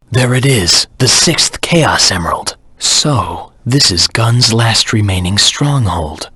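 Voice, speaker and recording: Casting: vengeful hedgehog anti-hero for a video game. Grave, brooding, heavily husky, dry close sound. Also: male voice, low voice, bright, forceful tone, no echo, heavily acted. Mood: cold, defiant. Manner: terse, grave, menacing. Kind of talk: video game character acting.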